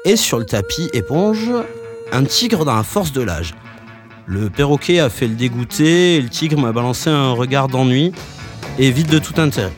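A man narrating a story in a calm, matter-of-fact way. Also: medium pitch, moderate pace, over music. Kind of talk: audiobook reading.

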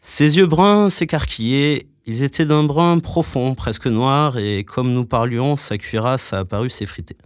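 A man narrating a story in a calm, matter-of-fact way. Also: medium pitch, a little slow, hardly any pauses, smooth, no room sound, studio quality. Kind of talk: audiobook reading.

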